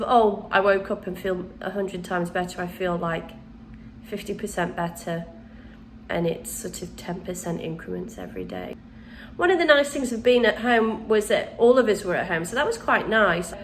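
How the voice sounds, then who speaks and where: Still congested from the flu, a female channel host who teaches witchcraft crafts chats casually to camera in a mid-range voice. She rambles a little with ums and restarts, and there's slight background noise.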